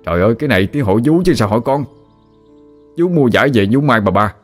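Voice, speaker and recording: A man's voice: mid-range voice, lively intonation, fast talker, soft background music, pitched above the performer's own voice, close to an everyday voice. A man with a Southern Vietnamese accent voicing an exasperated grown son who protests against his father. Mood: protesting. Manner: protesting, raised voice.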